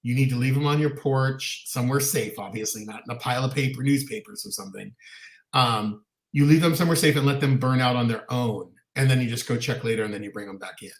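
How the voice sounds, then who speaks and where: A man's voice: mid-range voice, fast. Chatty man in an echoey room. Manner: rambling, earnest, many restarts and ums. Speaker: co-host. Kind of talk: casual chat. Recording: roomy echo.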